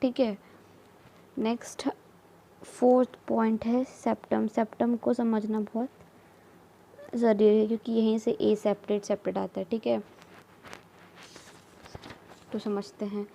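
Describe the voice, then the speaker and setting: Woman, biology teacher, unhurried and soft-toned, repeats each term while sketching. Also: on the high side, level tone, vocal fry. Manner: slow, repeats terms, mixes English terms into Hindi, frequent "theek hai". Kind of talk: explaining while drawing diagrams.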